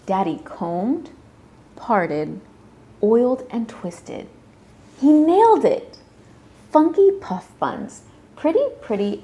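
A woman reading a children's picture book aloud, slow and animated, with playful sound effects. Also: medium pitch, a little hiss or hum. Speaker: children's storybook reader. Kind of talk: read-aloud storytelling for young children.

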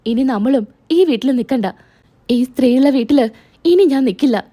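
A woman's voice: high voice, lively intonation, moderate pace, mellow. A woman voicing a remorseful young husband who pleads with his wife and protects her. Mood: resolute.

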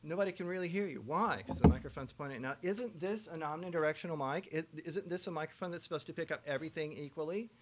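Animated man teaching a workshop class. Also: fairly high pitch, fast talker, few pauses. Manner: animated, asks the room questions, acts out singers. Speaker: vocal production instructor. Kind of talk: lively workshop lecture. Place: classroom before a live audience.

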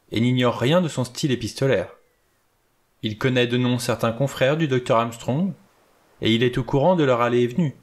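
A man reading aloud and voicing an old male judge who speaks in a small, crisp voice, measured and cold, choosing each word with care. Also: mid-range voice, natural voice. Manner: measured, choosing words carefully.

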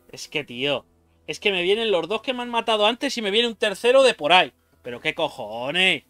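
A gaming YouTuber with a high-pitched, sharp voice gives frantic commentary during a boss fight, swearing, yelping, and talking to himself, with faint game music in the background.

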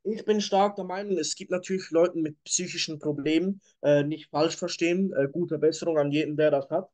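A man's voice: fairly high pitch, fairly even intonation, brisk, darkish tone. A man hosting a live online sales coaching session, answering viewer questions bluntly and leaning on repeated catchphrases.

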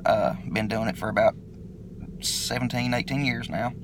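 A middle-aged man from eastern Kentucky with a local accent, talking in a laid-back, halting way as he introduces his vlog in a video recorded on his phone. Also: on the low side, steady tone, noisy background. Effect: self-recorded phone video. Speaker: motovlogger introducing his channel. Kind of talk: casual unscripted vlog intro.

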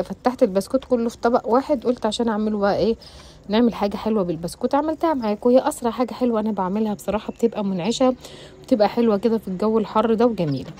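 A middle-aged woman with an Egyptian accent, chatting rapidly and directly to her viewers as a home cooking vlogger. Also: fairly high pitch, warm tone, slight background noise. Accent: Egyptian Arabic. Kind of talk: casual chatty storytelling to viewers.

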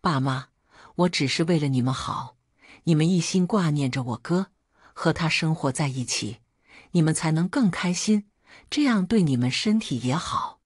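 Woman reader as a weary, resigned daughter, low and breathy, quietly firm. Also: animated, normal speed, no room sound, studio quality. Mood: hurt. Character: weary middle-aged daughter, hurt but firm.

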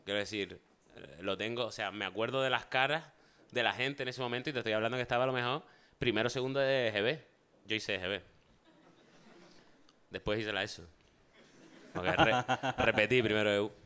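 A man's voice: lowish voice, fairly quick, pauses often, clean tone. A man telling funny childhood stories in casual chat, acting out the voices of people in them. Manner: animated storyteller, acts out voices in anecdotes. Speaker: talk show guest.

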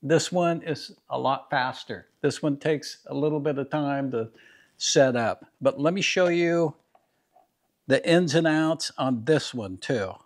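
A man in his fifties, a garage channel host, plainly demonstrating scan tools in his home garage. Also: mid-range voice. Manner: plain, practical, unhurried explaining. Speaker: DIY mechanic channel host. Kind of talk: casual product demo.

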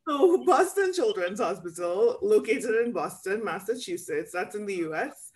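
A woman pediatrician explains her field in a steady, measured way at a middle pitch, often pausing on ums. She is heard over a video call. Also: husky, low-quality recording. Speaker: developmental pediatrician guest. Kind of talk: expert explanation in interview.

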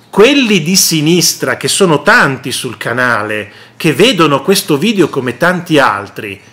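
A man's voice: a little high, sharp tone. A man commenting on politics in a vlog monologue, indignant and sarcastic, repeating his jabs.

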